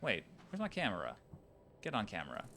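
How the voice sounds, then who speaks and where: A man's voice: lowish voice, huge pitch swings, fairly quick, creaky, sharp tone. A man giving casual let's-play commentary, muttering wry reactions as he plays a video game.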